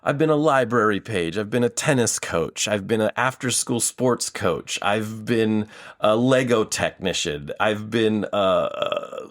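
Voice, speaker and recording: A man's voice: fairly low pitch, lively intonation, measured pace, few pauses, no room sound, studio quality. A man in his thirties, a guest on a podcast, talking casually and at length, with the odd swear. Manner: rambling, long-winded, casual swearing. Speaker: improviser and guest.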